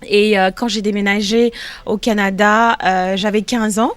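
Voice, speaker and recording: A woman's voice: medium pitch, fairly even intonation, unhurried, smooth. A young woman from Congo, a singer, answers interview questions in a casual way. She hesitates a lot, filling gaps and restarting her sentences as she looks for words. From Democratic Republic of the Congo. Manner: hesitant, many fillers and restarts.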